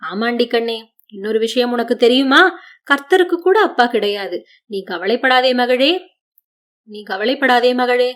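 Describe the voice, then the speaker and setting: A woman voicing a tender, devout old grandmother in an audiobook story, speaking softly and soothingly. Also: fairly high pitch. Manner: soft, soothing, slow.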